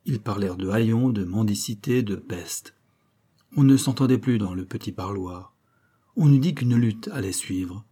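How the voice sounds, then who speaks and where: A man narrates a classic novel at a measured, steady pace. His voice is husky and mellow, with a darker, soft tone. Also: on the low side. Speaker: audiobook reader.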